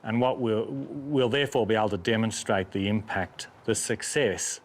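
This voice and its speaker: A man giving measured explanations in an interview as a conservation spokesman, rephrasing as he goes. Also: fairly low pitch, steady tone.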